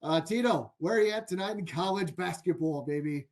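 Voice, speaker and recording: A man with a fairly high voice co-hosts a sports betting podcast. He chats loosely, laughs often, and leans on filler words. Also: fairly quick, a little mellow. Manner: chatty, laughs easily, full of fillers like "like". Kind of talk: casual podcast chat.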